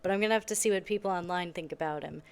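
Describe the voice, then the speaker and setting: A woman's voice: lowish voice, racing, a little mellow, clean tone. A young woman giving casual, sarcastic commentary while she plays a game, often sounding exasperated. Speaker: gaming video creator.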